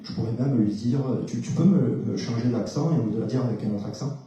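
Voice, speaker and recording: A man's voice: medium pitch, a little fast, dark tone. A man, a psychologist, giving a conference talk, explaining step by step, putting questions to the audience and often hesitating with "euh". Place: lecture hall, indoors. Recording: very echoey hall, distant mic.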